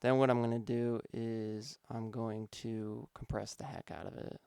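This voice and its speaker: A man's voice: mid-range voice, little pitch movement, unhurried, creaky, mellow, clear, resonant tone, no echo, clean studio sound. A man, a music producer, casually walking through his vocal mixing steps, thinking aloud with some fillers. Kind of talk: casual instructional walkthrough.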